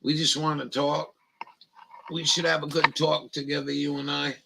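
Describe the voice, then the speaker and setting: A man's voice: on the high side, flat delivery, normal speed, gravelly, background noise. A man with a Maine accent, hosting a livestream in crude, joking, rambling chat and mockingly reading things aloud. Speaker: livestream host.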